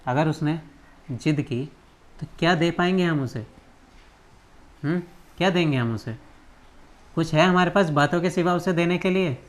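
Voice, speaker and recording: A man's voice: on the high side, normal speed, long pauses, natural voice. An actor playing a young husband who bitterly reproaches his wife, in a drama. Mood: despairing. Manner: bitter, reproachful, pleading questions. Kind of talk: emotional drama acting.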